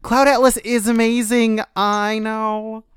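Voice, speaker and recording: A podcast host leading a casual book discussion in a rambling, excitable way. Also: mid-range voice, slow pace, smooth.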